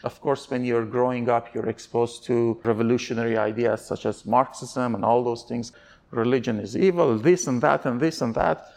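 A man's voice: mid-range voice, steady tone, moderate pace, a little mellow. A man from Iran, giving candid interview answers in an earnest, searching way, often restarting his sentences.

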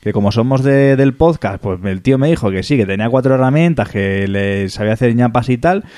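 A man's voice: mid-range voice, lively intonation, fairly quick, warm tone, dry recording, studio quality. A man co-hosting a podcast, explaining a point earnestly and at length with many restarts. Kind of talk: casual chat.

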